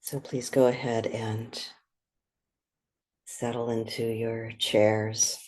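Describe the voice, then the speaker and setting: A meditation guide's medium-pitched voice stays level, soft and breathy throughout. Phrases are kept short, spoken unhurriedly and gently, with extended pauses after each.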